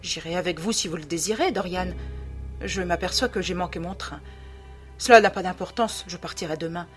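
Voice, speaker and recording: Reader playing an earnest male painter, insistent, soft music behind. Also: medium pitch, fairly quick, natural voice.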